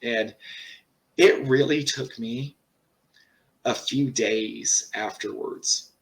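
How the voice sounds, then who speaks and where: A man telling a personal story in a casual, rambling way, swearing often and pausing on fillers. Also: mid-range voice, fairly even intonation, vocal fry, fairly bright tone, recorded from a distance. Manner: profane, rambling, halting with many fillers. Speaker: channel host.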